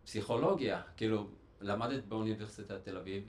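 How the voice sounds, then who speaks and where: A man with an Israeli accent hosting a casual interview, speaking colloquially and often rephrasing himself. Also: on the low side. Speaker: interview show host. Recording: echoey room with clear background noise.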